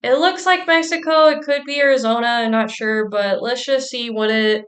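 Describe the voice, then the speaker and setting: Woman host, fairly high voice, breezy conspiratorial chat, trailing phrases and fillers. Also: normal speed, fairly bright tone. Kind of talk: casual commentary on viewer clips.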